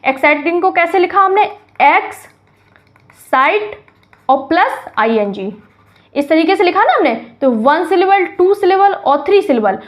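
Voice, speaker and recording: A woman teaching English grammar, explaining exercise answers step by step, often asking a question and then answering it herself. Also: sits high.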